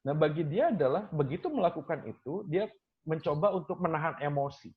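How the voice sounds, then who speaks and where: A male lecturer talks in a relaxed, conversational way, acting out his students' questions as he tells stories. His voice sits a little higher than most men's. The recording sounds dull and muffled. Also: fairly quick. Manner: animated storyteller, acts out students' questions, mixes in English phrases. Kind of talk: casual talk sharing teaching stories.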